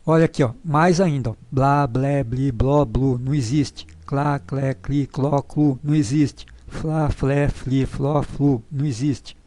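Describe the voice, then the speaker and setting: A man teaching pronunciation in a slow, patient way, spelling out syllables one by one and checking in with his listeners. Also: medium pitch, fairly even intonation, warm tone, no echo. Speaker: language teacher. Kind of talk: explanatory lesson on pronunciation.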